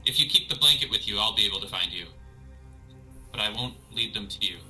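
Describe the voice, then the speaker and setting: A man voicing a kind, protective young woman adventurer who speaks gently and reassuringly. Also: on the low side, lively intonation, quick pace, faint music behind, low-quality recording.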